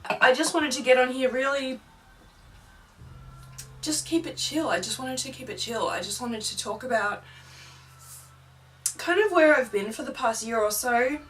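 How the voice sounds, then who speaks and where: A young woman who makes paranormal YouTube videos chats and rambles casually in a home vlog, full of fillers. Her high, fairly bright voice is expressive, measured and often paused. A distant mic picks up faint background noise, including faint music from a film playing in the next room.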